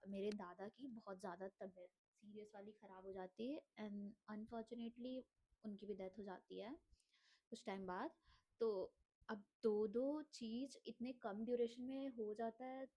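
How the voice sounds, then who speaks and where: This young adult woman's voice is a little high and a little mellow. She's sick and coughing while sharing her personal story in a heartfelt vlog monologue, switching between Hindi and English phrases.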